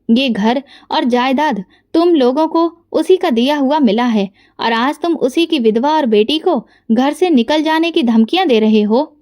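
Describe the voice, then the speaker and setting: A woman's voice: sits high, a little mellow. A woman voicing a patient widowed mother who speaks firmly and reproachfully. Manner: firm, reproachful.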